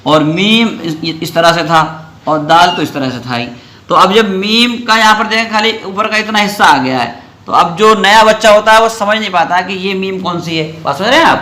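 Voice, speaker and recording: A male Quran reading teacher speaks in a high, sharply bright voice. He puts questions to his class and answers them himself. He stretches the letter sounds into a slow, sung drawl. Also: lively intonation.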